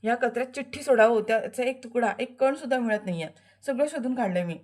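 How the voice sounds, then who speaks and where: A woman's voice: a little high, fast, darkish tone, pitched above the performer's own voice, lightly acted. A woman voicing a helpful household woman in a serial, eager and obliging.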